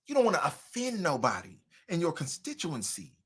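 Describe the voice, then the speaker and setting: A man hosting a livestream commentary, mocking and preachy, with loud swings in volume. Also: on the high side, wildly swooping pitch, fairly quick, slightly rough. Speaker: commentary host.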